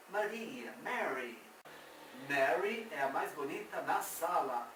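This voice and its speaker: A man, teaching English grammar in a slow, drawn-out way and repeating each example. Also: a little high, fairly bright tone. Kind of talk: explaining grammar at a board. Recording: echoey room from far off, faint noise.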